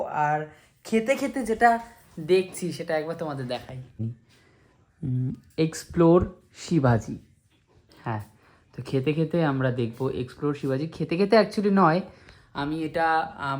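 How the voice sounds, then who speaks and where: With a slightly high voice at normal speed and long pauses, an Indian man from Kolkata speaks in a rambling, casual vlog chat. He vlogs and teaches dance, and his Bengali-accented talk mixes in English phrases.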